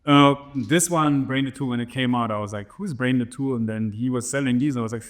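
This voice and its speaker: The guest, a DJ in his thirties with a slight German accent and ties to Germany and Namibia, talks briskly at medium pitch about his records. His casual storytelling wanders, with many restarts and frequent "right?" tags.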